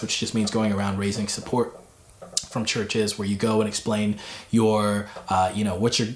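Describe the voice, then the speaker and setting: A man in his twenties, born in Tanzania, giving a rambling personal testimony with frequent restarts. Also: mid-range voice. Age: 20s. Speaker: former missionary kid sharing testimony. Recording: roomy echo.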